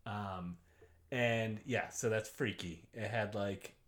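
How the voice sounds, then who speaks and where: A man's voice: fairly low pitch, slow, a bit bright. A young man hosting a casual podcast chat, rambling with fillers and laughing often. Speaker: podcast host.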